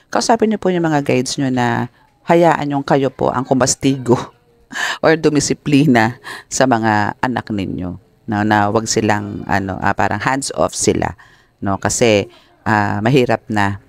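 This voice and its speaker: A man giving a tarot reading to his viewers, polite and expressive, mixing English phrases into his speech. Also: mid-range voice, gravelly. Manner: polite, addresses viewers with respectful terms; expressive, exclamatory. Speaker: tarot reader.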